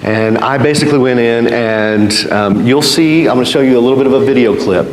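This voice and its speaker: A man's voice: mid-range voice, brisk. A man with an Oklahoma accent, preaching a sermon as a pastor in an earnest, conversational way with asides to the congregation. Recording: echoey room, distant mic, faint noise.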